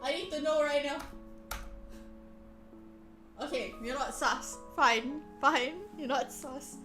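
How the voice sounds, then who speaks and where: A woman hosts a casual live stream chat, playfully teasing and giggling with her viewers. Her voice sits high and she takes things slowly. The room sounds echoey, with soft music playing behind her voice.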